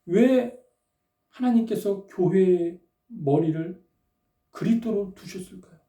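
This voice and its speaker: A woman preaching a sermon with a mellow, soft-edged voice. She keeps prodding her congregation with quick rhetorical questions. The sound is roomy and picked up from some distance. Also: medium pitch. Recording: roomy echo, distant from the mic.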